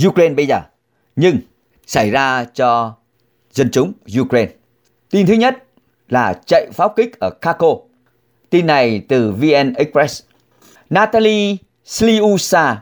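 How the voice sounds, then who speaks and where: Animated male newsreader, lively pitch. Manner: halting, deliberate delivery with emphatic pitch swings. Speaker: news reader. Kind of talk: reading news aloud to listeners.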